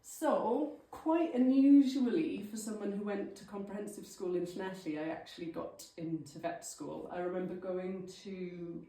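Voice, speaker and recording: This guest speaker is a Welsh woman in her thirties and a native Welsh speaker, talking informally to a local group at a village hall in a chatty, self-deprecating way. She has a mid-range, dark-toned voice at normal speed with hardly any pauses, and the recording is echoey, with the mic at a distance.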